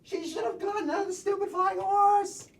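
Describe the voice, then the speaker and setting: A woman voicing an excitable, melodramatic puppet adventurer in an exaggerated, emphatic comic style. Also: very high-pitched, slow, full character voice. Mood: indignant. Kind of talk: comic puppet-show acting. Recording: distant mic with light noise.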